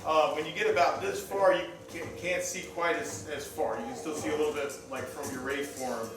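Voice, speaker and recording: A man's voice: fairly high pitch, steady tone, a little fast, music in the background. A man acting as game master, improvising scene descriptions conversationally in a hesitant, piecemeal way. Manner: hesitant, piecemeal descriptions with many hedging words. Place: roomy indoor game gathering. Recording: echoey room, distant mic, background sound.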